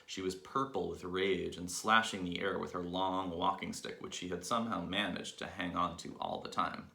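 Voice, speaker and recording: A man reading a children's book aloud with lively, expressive storytelling, in an echoey room. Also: sits low, moderate pace, vocal fry. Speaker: reader.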